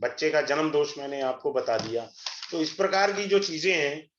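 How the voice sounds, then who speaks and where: A middle-aged man giving an astrology webinar, a persuasive, salesy pitch that mixes Hindi and English. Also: moderate pace, fairly bright tone, slight background noise. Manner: switches between Hindi and English. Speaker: astrology teacher. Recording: echoey room, dull lo-fi sound.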